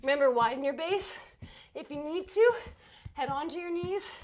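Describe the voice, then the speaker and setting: High-pitched, breathless woman coaching a workout. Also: animated, moderate pace, a little mellow. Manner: upbeat, encouraging, urging cheerleader-like pep talk. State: out of breath from exercising. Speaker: fitness instructor. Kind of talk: live workout coaching, counting down intervals.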